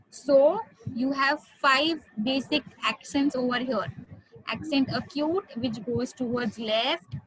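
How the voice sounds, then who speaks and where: Woman, Indian accent, high pitch, online language teacher, patient spelling-out. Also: a bit bright, no echo, poor audio. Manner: explains slowly, switches into Hindi, spells words out. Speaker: French teacher.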